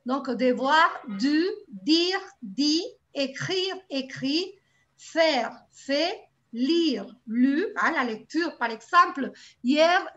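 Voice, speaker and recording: Woman, teaching French online. High, unhurried, lo-fi call audio. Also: animated, a bit bright. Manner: patient, repeats words slowly and checks for understanding. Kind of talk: live online class teaching grammar.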